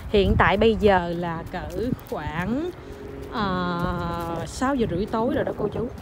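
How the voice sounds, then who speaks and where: A woman's voice: fairly low pitch, unhurried. A young mother chatting to viewers while filming her toddler at an outdoor playground in the evening, teasing and commenting as she goes. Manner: chatty, teasing running commentary, mixing in English phrases. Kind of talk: casual vlog narration to viewers. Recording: noisy outdoor phone recording.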